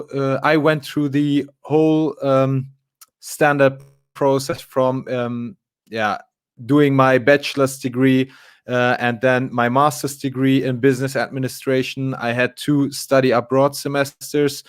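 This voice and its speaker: A man's voice: mid-range voice, flat delivery, slow pace, clean tone, dry recording, clean studio sound. A man, a guest in a casual live interview, talking with many fillers and restarts. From Germany. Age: 20s.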